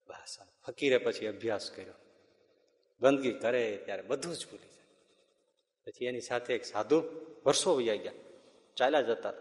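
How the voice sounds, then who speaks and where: A man giving a devotional discourse in an animated storytelling manner. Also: medium pitch, big-room sound. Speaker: religious storyteller.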